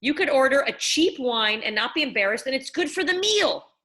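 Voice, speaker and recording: Brief: tipsy female host, rambling and slightly slurred, bright and lively, swoops high. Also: a little fast. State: tipsy from wine. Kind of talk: rambling live stream monologue.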